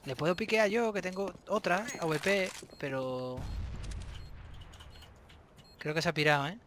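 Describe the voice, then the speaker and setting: Higher-voiced Spanish man gaming over noise. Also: unhurried, a bit bright. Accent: Spanish, from Spain. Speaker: gamer. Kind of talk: casual team chat while playing a shooter game. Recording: noisy game mic with gunfire. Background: video game gunshots and clicks.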